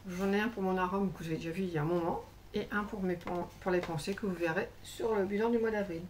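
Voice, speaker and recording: A woman's voice: mid-range voice, steady tone, fast, slight background noise. A woman vlogger chatting casually to camera about her craft purchases, rambling with many fillers and self-corrections. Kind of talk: casual haul chat to camera.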